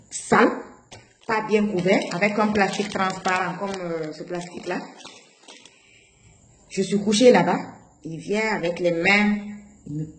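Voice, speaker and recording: A woman from Guinea, giving an emotional personal testimony and stumbling and repeating herself as she tells her story. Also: medium pitch. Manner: emotional, repeats "je dis" and stumbles over words. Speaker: interviewee recounting her own childbirth. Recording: roomy echo with faint noise.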